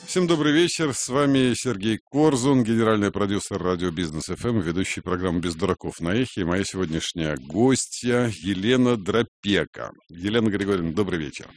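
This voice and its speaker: A man's voice: on the low side, fairly quick, few pauses, soft background music. A man hosting a radio interview, asking probing and wry questions. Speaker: radio host. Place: radio studio.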